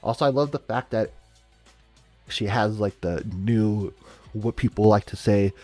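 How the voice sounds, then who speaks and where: A man reacting to a video game trailer in casual commentary, swinging between low mumbles and loud excited outbursts. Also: a little slow, faint music behind. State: cold and shivering, early morning. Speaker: reaction streamer.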